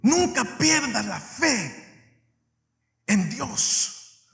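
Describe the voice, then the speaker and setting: A male pastor preaches with a very high, bright voice, speaking emphatically and addressing his listeners directly. He swings between loud and soft, and the sound carries a long, echoing church-hall reverb. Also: sing-song, drawn-out words, creaky, faint music behind. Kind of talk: sermon.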